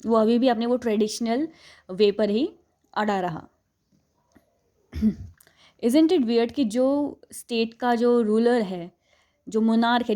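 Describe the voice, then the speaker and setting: A young woman teaching a history class, reading English lines slowly and then explaining them in a Hindi-English mix, often checking in and correcting herself. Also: medium pitch, mellow. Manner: self-correcting, stops to fix pronunciation.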